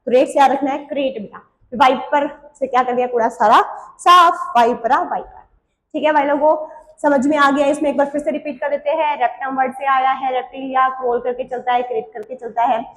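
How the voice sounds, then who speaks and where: A woman teacher with a Hindi accent runs an exam-prep biology lesson, quizzing her students in quick rounds and answering herself. Her voice sits high. The recording has a noticeable room echo. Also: fairly even intonation, fairly bright tone. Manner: quizzes students with quick questions and answers herself, calls them beta and bhaiya; uses playful memory tricks and little stories.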